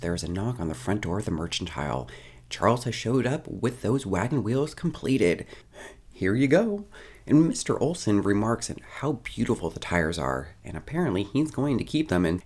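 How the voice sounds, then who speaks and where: Animated low-voiced man recapping an episode. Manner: chatty, animated retelling.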